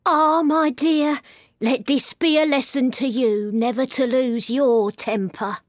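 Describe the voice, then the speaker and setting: A woman's voice: high-pitched, steady tone, slow, no room sound, studio quality, pitched above the performer's own voice. A woman voicing an old, moralising mother crab in a storybook, with a motherly, admonishing manner.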